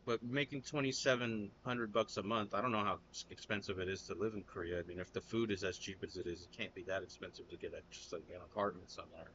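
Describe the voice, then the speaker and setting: American man, fairly low voice, casual reaction host, blunt and loose, slightly dull lo-fi sound. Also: fast, few pauses, fairly bright tone, a little hiss or hum. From United States. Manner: loose and blunt, calls viewers "man" and "dude".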